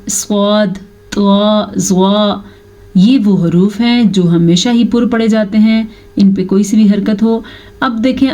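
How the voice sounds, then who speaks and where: A female Quran recitation teacher gives a tajweed lesson in a warm, low-key tone, explaining and demonstrating recitation. She alternates slow, drawn-out chanted recitation with brisk spoken explanation.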